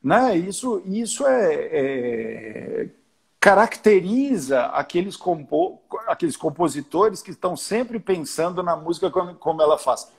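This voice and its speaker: A man with a Brazilian Portuguese accent talks through music at length, restarting his sentences as he goes. His voice sits fairly high and sounds husky. Now and then he counts out beats to make a point. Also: animated, unhurried. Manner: explains at length with many restarts, sings and counts out examples. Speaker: choir conductor guest. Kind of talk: casual chat on a live stream.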